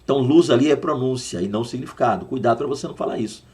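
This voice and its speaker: A man's voice: mid-range voice, rapid-fire, warm tone. A Brazilian man teaching a Sunday school Bible lesson, explaining words patiently and repeating them to drill their pronunciation. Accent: Brazilian Portuguese.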